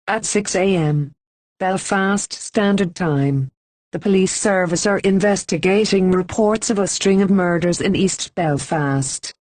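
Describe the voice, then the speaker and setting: A woman with a lowish voice reads a scripted emergency broadcast announcement, keeping an even, formal tone and slow, deliberate pauses. There's no echo.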